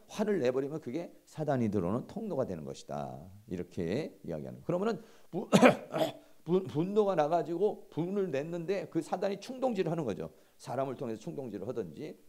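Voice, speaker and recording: A middle-aged man teaches a seminary class with a gravelly voice that leaps up and down in pitch. He talks in a lively, chatty way and acts out everyday quarrels, with a voice that sits a little high for a man. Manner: animated and conversational, acting out everyday quarrels. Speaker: seminary lecturer. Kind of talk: lecture.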